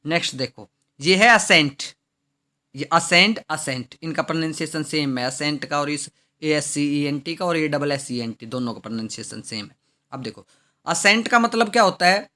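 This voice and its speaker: A man with an Indian English accent teaches English vocabulary in a bright, slightly high voice. He spells words out letter by letter and reads example sentences very slowly. He keeps asking the class questions and then answers them himself. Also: expressive. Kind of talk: classroom lesson explaining vocabulary.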